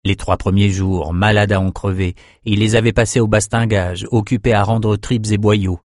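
A man narrating an audiobook in a steady, measured storytelling voice, close to the mic. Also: lowish voice, no echo.

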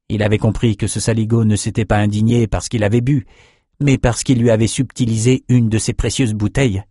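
A man reading an audiobook in steady, measured scripted narration. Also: fairly low pitch, no echo, clean studio sound.

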